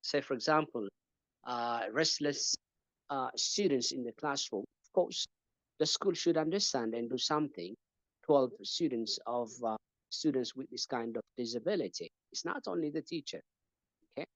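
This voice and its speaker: A man's voice: medium pitch, normal speed, dry recording. A man from Ethiopia answering questions as a panelist in an online teaching webinar, talking hesitantly with many fillers and repeated words.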